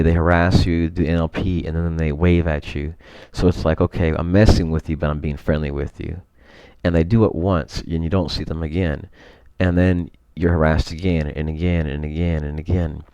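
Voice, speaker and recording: A deep-voiced man with a gravelly edge talks through his screen share at home. He wanders and corrects himself often, leaning on fillers as he goes. The sound is dry and close, with no room around it. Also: darkish tone, no echo. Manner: rambling, frequent fillers and self-corrections. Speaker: vlogger. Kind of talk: casual screen-share commentary.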